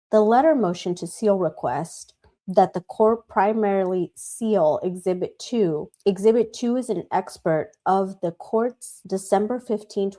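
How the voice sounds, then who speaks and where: A woman reading court filings aloud as host, in a formal, measured manner. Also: lowish voice, warm tone. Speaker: host and reader.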